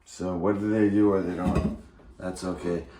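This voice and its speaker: Man, lowish voice, thick speech from swollen tongue, casual rambling vlogger, echoey room. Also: little pitch movement, moderate pace, dark tone. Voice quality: slightly thick, impeded articulation. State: swollen, bitten tongue, talking as if something is in his mouth. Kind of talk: casual rambling morning vlog. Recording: roomy echo, faint background noise.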